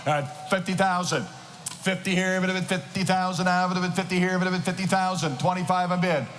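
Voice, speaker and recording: A man with a high voice delivers an auctioneer chant, repeating numbers rhythmically and pressing insistently for bids. His voice rings through a big reverberant hall, with some noise around him. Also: a bit bright. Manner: insistent, rhythmic bid calling. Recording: echoing hall PA with noisy ambience.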